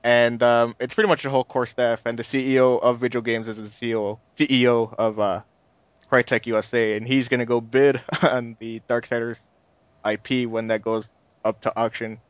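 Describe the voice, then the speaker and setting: A man's voice: mid-range voice, flat delivery, moderate pace, smooth, no room sound. Easygoing guy on a gaming podcast, kinda dull dry sound, shrugs everything off. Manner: laid-back, trailing off with "I guess". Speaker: podcast co-host. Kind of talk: casual chat about video games.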